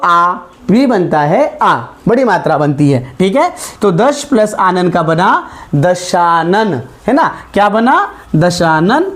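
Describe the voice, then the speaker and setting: A woman teaching a grammar lesson, stretching out sounds and often checking that students follow. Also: mid-range voice. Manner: slow, drawn-out vowels, frequent check-ins. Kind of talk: classroom lesson at a board.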